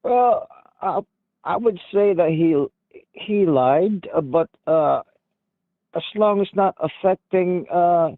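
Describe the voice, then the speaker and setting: A man in his fifties calling in to a stream, speaking hesitantly with lots of pauses and filler sounds. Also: high-pitched, no room sound. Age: 50s. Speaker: caller. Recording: tinny phone line.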